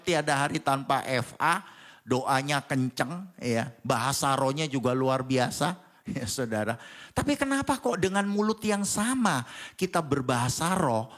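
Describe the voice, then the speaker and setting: A man preaching a Sunday sermon in a church, swinging between loud exclamations and low chuckling asides. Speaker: pastor. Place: church hall.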